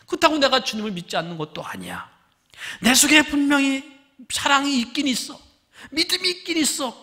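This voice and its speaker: A male pastor preaching a sermon in a church, swinging between loud emphasis and hushed, whispered lines. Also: extremely high pitch, big pitch swings, a little fast. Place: church sanctuary.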